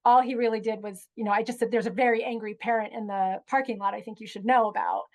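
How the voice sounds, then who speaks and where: A woman educator telling a personal story in a relaxed interview, with frequent ums and you-knows. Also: on the high side, quick pace, rough recording. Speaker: guest educator. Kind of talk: conversational storytelling.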